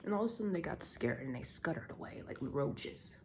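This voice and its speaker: A woman's voice: deep voice, animated, a little fast, vocal fry, a little mellow, a little hiss or hum. A woman vlogging to camera in a heated, rambling rant, swearing often and restarting her sentences. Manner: rambling, profane, heated, many fillers and restarts.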